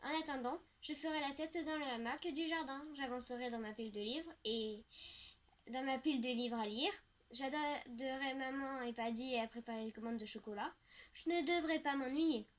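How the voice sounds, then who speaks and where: Woman audiobook narrator; high-pitched, reflective first-person teen novel reading. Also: moderate pace.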